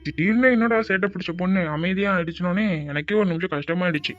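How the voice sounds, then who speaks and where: A man's voice: high voice, fast, natural voice. A man voicing a polite young man in a cartoon who pleads earnestly to make peace with a friend. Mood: pleading, polite. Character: young man Karthik, polite, remorseful co-worker. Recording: dull lo-fi audio with music bed.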